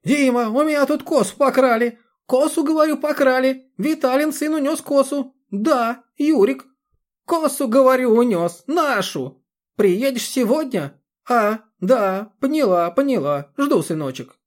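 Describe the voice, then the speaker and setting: A man voicing a frantic old village woman who yells in a shrill, piercing voice. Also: expressive, a little slow. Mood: shouting. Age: older. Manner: yelling, shrill.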